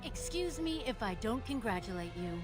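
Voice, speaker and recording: A woman's voice: a little high, very animated, normal speed, soft background music. A sour jealous woman, cutting and scornful, game voice line. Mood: bitter. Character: bitter resentful young woman cousin.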